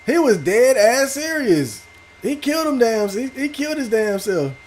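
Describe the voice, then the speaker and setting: A man streaming a video game with loud, profane, reactive outbursts and casual chat. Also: very high-pitched, very animated, moderate pace, slight background noise. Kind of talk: casual gaming stream commentary.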